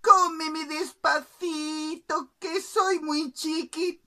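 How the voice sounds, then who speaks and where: A woman voicing a tiny bird that pleads in a slow, sing-song way. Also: high voice, steady tone, bright, forceful tone, pitched above the performer's own voice, heavily acted. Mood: pleading.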